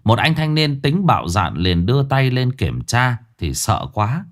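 A man's voice: mid-range voice, very animated, measured pace. A man narrating a ghost story in a theatrical, swinging way. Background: faint music.

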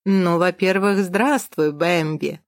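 Lady doing a smug sneery rich guy, taunting, lowish and dry. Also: slow, no room sound. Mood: mocking. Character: smug bearded rich man, mocking.

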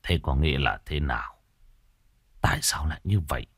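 A man doing a grave, hushed mandarin father. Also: animated, husky, dry recording, clean studio sound, full character voice. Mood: stunned. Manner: low, hushed and measured.

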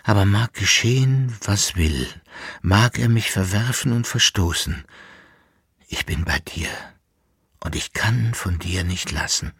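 A man reading a hushed, fearful young woman. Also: fairly low pitch, measured pace, husky, no room sound, clean studio sound, full character voice. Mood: hushed, devoted. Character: frightened young woman, tender and guilt-ridden. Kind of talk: audiobook reading.

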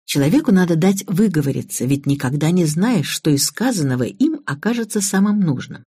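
A woman's voice: on the low side, expressive, brisk, dark tone, slightly rough, no echo, studio quality. A woman reading an audiobook in a matter-of-fact storytelling manner. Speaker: audiobook reader. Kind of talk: audiobook narration.

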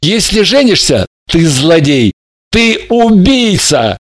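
A man's voice: high voice, sing-song, takes it slowly, heavily acted. Man reading as an anguished young man cursed in love. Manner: pleading, despairing. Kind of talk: audiobook character reading.

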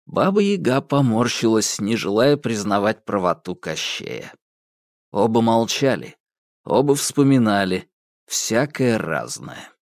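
Give me a man reading a fairy tale with a lively, dry, close sound. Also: lowish voice, a little slow, no echo. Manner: expressive storytelling, acts out voices. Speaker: narrator. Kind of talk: audiobook narration of a folk fairy tale.

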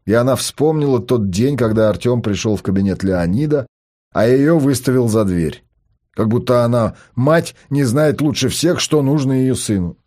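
Husky guy reading an audiobook, pitch all over the place, very expressive. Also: normal speed. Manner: lively expressive storytelling. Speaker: narrator. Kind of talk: audiobook narration.

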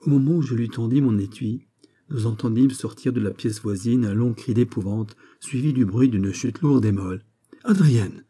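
A man reading a nineteenth-century short story aloud in a measured, steady narrating manner. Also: medium pitch, breathy edge. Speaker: audiobook reader. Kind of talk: literary audiobook narration.

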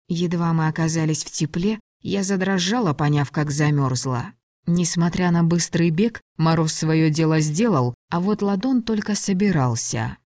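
Woman audiobook narrator, lower voice, measured, dry close recording. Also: darkish tone, no room sound. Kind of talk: first-person audiobook narration.

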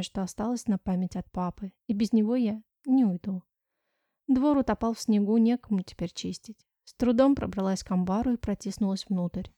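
Woman reading an audiobook, mellow slightly high voice, super dry close sound. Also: dry recording. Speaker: audiobook narrator. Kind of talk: scripted first-person narration.

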